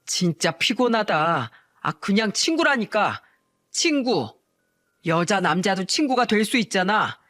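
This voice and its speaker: A woman's voice: medium pitch, sing-song, measured pace. A woman voicing a brazen, hot-tempered middle-aged father who talks with scorn, in a told family story. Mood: dismissive. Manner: shouting, scornful.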